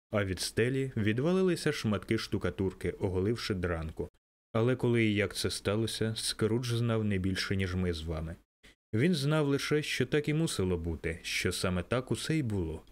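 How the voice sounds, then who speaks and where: A man narrating an audiobook in a measured, expressive reading. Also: fairly low pitch.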